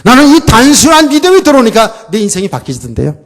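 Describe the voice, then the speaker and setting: A man's voice: very high voice, wildly swooping pitch, quick pace. A middle-aged man preaching a sermon as pastor, often putting questions to the congregation.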